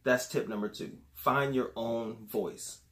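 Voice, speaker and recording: A man's voice: medium pitch, steady tone, slow pace, a bit bright. Casual man giving channel tips. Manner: conversational, repeats key points for emphasis. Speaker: sneaker YouTuber. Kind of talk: casual advice vlog.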